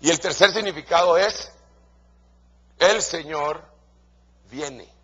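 Guatemalan male pastor, fairly high husky voice, emphatic sermon delivery, repeats lines for stress. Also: slow, fairly bright tone, highs cut off. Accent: Guatemalan Spanish. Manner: emphatic, repeats key phrases.

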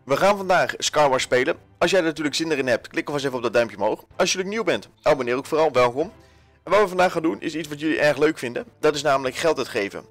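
A man's voice: fairly high pitch, fast talker, no echo, faint music behind. A young man with a Dutch accent giving casual, jokey gameplay commentary to his viewers, swearing and full of fillers. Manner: energetic, jokey, swears, shouts when panicking; many fillers, talks to viewers. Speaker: gaming YouTuber.

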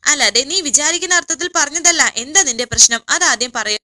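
A woman's voice: high-pitched, a little fast, sharp tone. A woman voicing a brusque young man scolding a crying girl on the phone, in a serial story recap. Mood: impatient. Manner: curt, scolding. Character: impatient curt young man.

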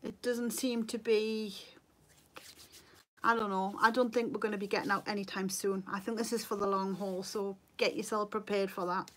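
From a desk webcam in her bedroom, a Geordie beauty vlogger in her thirties, from North East England, chats her way through a makeup livestream, reading viewer comments aloud. She laughs easily and sounds a bit tired, with a mid-range, slightly bright voice, fairly even intonation and a moderate pace.

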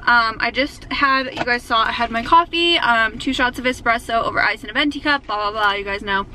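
Holding the camera at arm's length, this young woman vlogger chats upbeat to viewers from her car and home kitchen, sprinkling in plenty of fillers. Her voice is on the high side, brisk, bright, and forceful. The audio is poor, with slight background noise.

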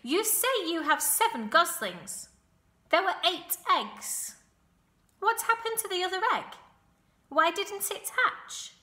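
A woman voicing a sharp, suspicious storybook rat who fires off demanding questions. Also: very high-pitched, very animated, takes it slowly, pitched above the performer's own voice, full character voice. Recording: roomy, echoing sound.

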